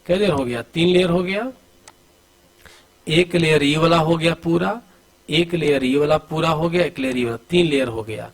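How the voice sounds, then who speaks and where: A somewhat high-voiced man teaches an exam-prep class from diagrams. He fires a question, answers it himself, then repeats it in a steady drill. He talks to his students as "beta" and keeps pushing them to answer quickly. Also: rough recording. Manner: addresses students familiarly, urging quick answers. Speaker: coaching teacher.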